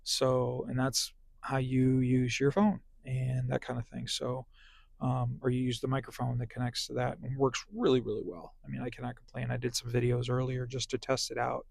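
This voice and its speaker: A man's voice: medium pitch, little pitch movement, normal speed, vocal fry, dry recording. A man casually vlogging from his parked car as a delivery driver, rambling with lots of fillers, on a small clip-on mic. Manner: rambling, filler-heavy talk. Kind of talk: casual vlog chat. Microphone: small clip-on phone microphone.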